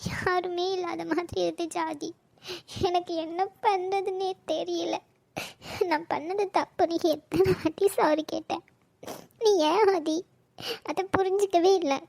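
Woman voicing a very high-pitched young wife, hurt and fierce. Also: fairly quick, a little mellow, no echo. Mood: tearful, reproachful. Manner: teasing then tearful, reproachful. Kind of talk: cartoon drama voice acting.

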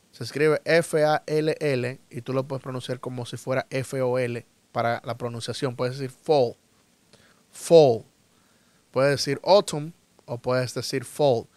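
Slow, deliberate Spanish-speaking male teacher. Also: mid-range voice, dry recording. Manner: repeats words slowly and emphatically for learners. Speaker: English teacher. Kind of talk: slow, drilled language lesson.

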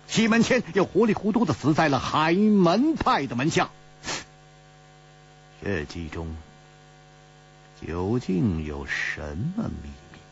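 A man's voice: high voice, pitched above the performer's own voice. A male storyteller playing an easygoing, curious young male adventurer who muses and chuckles, in a traditional storytelling audiobook. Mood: musing. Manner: amused, musing. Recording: slightly dull recording with faint hum.

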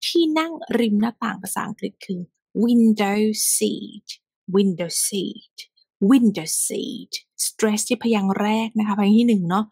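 A woman's voice: mid-range voice, a little slow, gravelly, darkish tone, breathy edge, no echo. A woman teaching English pronunciation, repeating phrases over and over, often half-whispered, and teasing her students directly.

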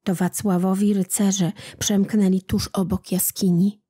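Woman audiobook narrator for legends; unhurried, dark and slightly breathy, dry close sound. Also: mid-range voice, no room sound. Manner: calm, unhurried reading. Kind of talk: storybook narration.

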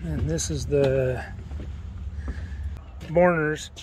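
Man, travel vlogger, slow relaxed musing commentary, slightly higher voice, handheld camera outdoors. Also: background noise. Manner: relaxed, musing, easily amused. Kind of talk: casual walking commentary. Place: outdoor historic village.

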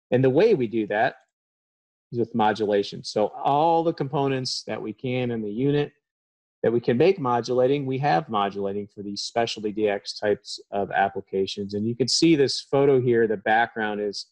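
A man in his thirties with a medium-pitched, slightly mellow voice gives a technical presentation as an HVAC trainer. He talks plainly with frequent ums, and the audio is recorded over a webcam.

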